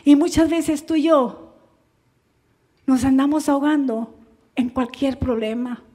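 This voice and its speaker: A woman pastor, preaching a Bible study sermon fervently and growing louder as she makes her appeals. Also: high-pitched, steady tone, unhurried.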